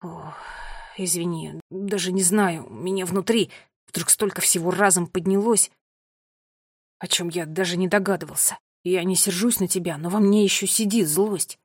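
Woman narrator doing a storybook boy: low, hushed, brash, a bit boastful. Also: steady tone, moderate pace, husky, dry recording, studio quality. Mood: remorseful.

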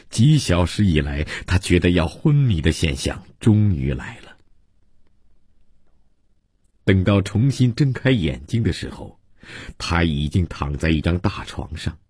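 Deep-voiced slow man narrating a novel. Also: darkish tone, slightly rough, no room sound, clean studio sound. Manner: measured, deliberate reading. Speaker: storyteller. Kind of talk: scripted radio novel narration.

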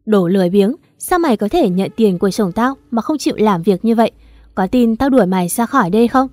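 A woman's voice: medium pitch, lively intonation, a little fast, a little mellow, dry recording, lightly acted. A woman reading a spiteful, mocking rival woman. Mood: scolding. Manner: harsh, mocking. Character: spiteful scheming woman, stepmother-rival, contemptuous.

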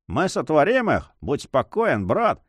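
A man's voice: on the high side, huge pitch swings, unhurried, no room sound, clean studio sound, pitched above the performer's own voice, full character voice. A man voicing a carefree, easy-going pirate who speaks offhandedly in an audiobook. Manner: casual and offhand.

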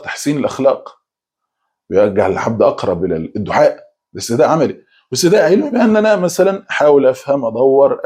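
A man preaching with an Egyptian Arabic accent, talking quickly with frequent restarts and repeated words. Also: medium pitch, creaky, mellow, husky. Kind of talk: religious talk.

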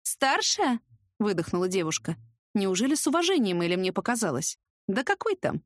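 Lively, sarcastic woman audiobook narrator. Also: mid-range voice, quick pace, no room sound, clean studio sound. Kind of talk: first-person audiobook narration.

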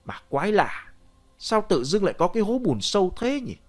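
A man putting on a gruff cursing grandfather. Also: sits high, big pitch swings, moderate pace, pitched above the performer's own voice. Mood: grumbling. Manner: curses and scolds bluntly. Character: gruff old grandfather grave digger, scolding.

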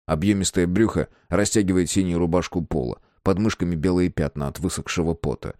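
A man narrating an audiobook in a lively, expressive reading. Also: low-pitched, brisk, dry recording, studio quality. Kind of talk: scripted narration.

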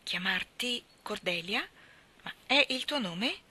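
Woman reader doing a curt, brisk middle-aged farm woman, sharp and bright-toned. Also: fairly high pitch, animated, exaggerated voice. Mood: gruff. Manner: curt, exclaiming.

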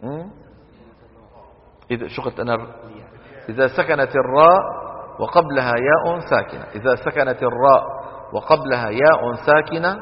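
A man teaching Quran recitation rules to a class, quizzing students with quick questions and chanting the examples slowly. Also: mid-range voice. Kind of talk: classroom lesson on tajweed rules. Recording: dull lo-fi recording with long hall reverb.

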